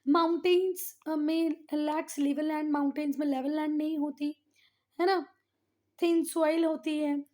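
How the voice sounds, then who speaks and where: A woman's voice: high-pitched, little pitch movement, a little slow, a little mellow. A woman teaching a school class, patiently explaining and repeating key terms, mixing English textbook phrases into her Hindi and often calling on the students.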